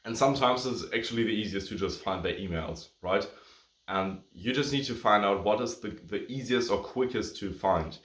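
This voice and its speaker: A man's voice: on the low side, moderate pace, fairly bright tone, echoey room. A man whose first language is German, giving casual advice to agency owners, a bit out of breath, rambling with lots of fillers and self-corrections. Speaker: agency coach. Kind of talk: casual talking-head advice video.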